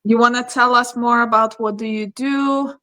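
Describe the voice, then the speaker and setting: Arizona woman hosting her channel, bright sharp voice, quick friendly questions. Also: fairly high pitch, fairly even intonation. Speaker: channel host. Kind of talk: casual interview hosting.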